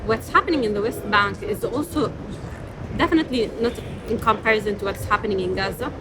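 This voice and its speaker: A young woman from Palestine, a student, answering a street interview in a hesitant, halting way with many fillers. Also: on the high side, animated. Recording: noisy street with passing vehicles.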